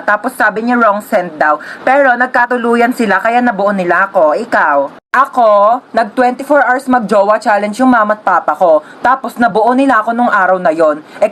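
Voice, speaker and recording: A woman's voice: mid-range voice, fairly bright tone. A woman narrating and acting out comedic storytime skits in a playful, teasing way, with music playing behind.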